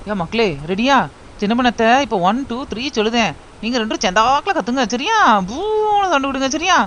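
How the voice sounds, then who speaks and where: A woman voicing a playful, meddling village aunt in a cartoon, talking loudly with a Tirunelveli Tamil accent. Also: on the high side, animated, fairly quick, a little hiss or hum. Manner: loud, playful, coaxing. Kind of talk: cartoon voice acting.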